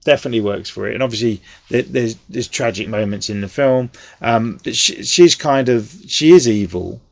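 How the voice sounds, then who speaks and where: A man's voice: mid-range voice, normal speed, creaky, no echo. A man hosting a podcast in casual chat, rambling with lots of fillers. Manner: rambling, fillers like "you know" and "um". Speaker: podcast host.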